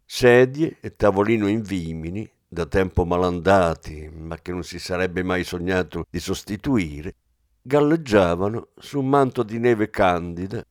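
A man with a low voice narrates an audiobook. His reading is measured and descriptive. The recording is dry and close. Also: no echo.

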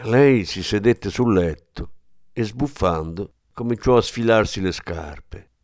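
A man reading an audiobook in a steady storytelling manner. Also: fairly low pitch, slow pace, dry recording, clean studio sound. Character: weary man mourning his wife. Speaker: narrator.

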